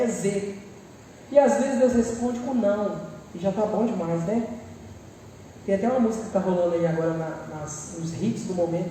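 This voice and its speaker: A woman with a Brazilian accent preaching a lively sermon and acting out people's prayers with humorous asides. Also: medium pitch, a little hiss or hum. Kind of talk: church sermon. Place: large church hall. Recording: echoey church hall, mic far off.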